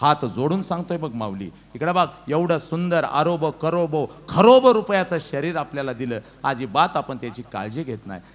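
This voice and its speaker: High-ish voiced village-guy, motivational talk to a ladies' meet, teasing and bossy, loud then suddenly hushed. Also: big pitch swings, moderate pace, hardly any pauses. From western Maharashtra. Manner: teasing, humorous, bossy with the audience; swings between loud calls and hushed earnest pleas. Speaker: motivational speaker. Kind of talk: lecture to a women's gathering.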